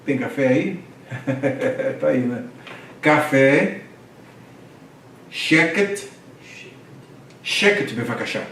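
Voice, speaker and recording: A man's voice: medium pitch, animated, extremely slow, gravelly, long pauses, a bit bright, a little hiss or hum. A man teaching a reading class, patiently spelling out syllables and asking students to repeat after him. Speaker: Hebrew teacher. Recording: roomy echo, distant mic, faint ambience.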